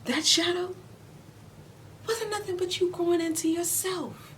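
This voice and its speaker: A woman in her forties playing a weary, proud, loving mother in an emotional stage monologue, speaking deliberately with heavy pauses. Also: steady tone. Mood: firm, tender. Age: 40s. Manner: deliberate, heavy pauses, swinging from near-whisper to tearful outcry. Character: weary, proud middle-aged mother and widow, wounded but loving. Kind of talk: emotional stage monologue, self-taped audition. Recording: distant mic, noticeable low rumbling noise.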